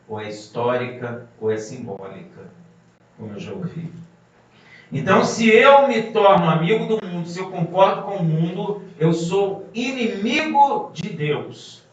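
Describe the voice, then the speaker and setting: A man preaching a sermon, emphatic and full of rhetorical questions to the congregation. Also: on the high side. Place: congregation hall. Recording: muffled, very echoey hall from a distance.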